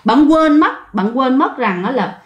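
A woman's voice: high voice, expressive, unhurried, muffled recording. A woman telling a ghost story, chatting directly to her listeners. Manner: conversational, addresses listeners directly. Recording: roomy echoey recording.

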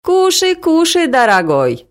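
A brash, doting older mother who talks with a Caucasian accent, put on by a woman reading aloud. Her voice swings high and bright as she coaxes and scolds. This is a lively storybook telling. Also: slow pace, full character voice. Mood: coaxing. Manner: loud, bossy, high-pitched coaxing.

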